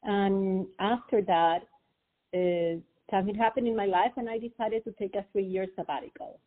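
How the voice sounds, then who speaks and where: A Peruvian financial advisor is interviewed as a guest over a tinny phone line. She has a mid-range, steady voice and speaks at a normal speed, but hesitantly, with many fillers and restarts.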